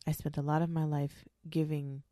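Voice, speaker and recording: A young mother in her twenties talks bluntly and with force, dropping curses to make her point. Her voice sits low and mellow, with a gravelly edge. The sound is dry and close, with no room behind it. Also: level tone, moderate pace, dry recording. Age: 20s. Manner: blunt, emphatic, swears freely. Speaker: mother talking about her show. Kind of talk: candid monologue.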